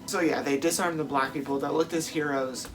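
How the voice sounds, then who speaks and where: Over music, a man with a rather high, steady voice talks fairly quickly as a film-review video host. His vlog commentary is casual and emphatic, with words repeated for stress.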